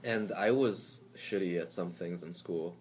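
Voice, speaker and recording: A man in his twenties, born in Taiwan, talking in a relaxed, rambling way with many fillers and restarts. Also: sits low, measured pace, slight background noise. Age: 20s. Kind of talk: casual chat.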